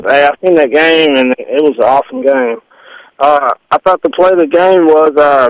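A man calling a sports radio show, chatting casually and haltingly as he searches for words. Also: a little high, no room sound, rough recording.

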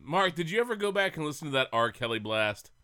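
A man's voice: a little high, sing-song, quick pace, sharp tone, smooth. A man hosting a sports podcast in crude, joking, boozy casual banter, swearing freely and prone to laughing. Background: laughing co-hosts.

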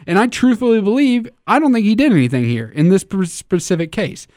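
A man's voice: high-pitched, animated, brisk, a little mellow, no room sound, clean studio sound. A man hosting a casual sports talk show, stammering through restarts as he poses questions to his co-hosts.

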